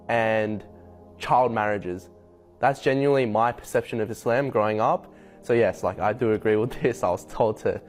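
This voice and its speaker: A young man from Hong Kong telling his personal story to camera, reflective and unhurried, with frequent ums. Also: mid-range voice, darkish tone. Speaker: convert sharing his story. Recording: faint music bed behind voice.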